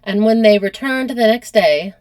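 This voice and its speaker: A woman's voice: mid-range voice, normal speed, no room sound. A woman hosting a podcast, chatting casually as she retells a history story and peppering it with "like". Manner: chatty, animated, uses lots of "like". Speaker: podcast host.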